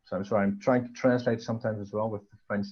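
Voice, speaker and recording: A man's voice: lowish voice, flat delivery, fast, a little mellow, highs cut off, slight background noise. A man from the Netherlands whose first language is Dutch, talking casually as an interview guest with many fillers and restarts.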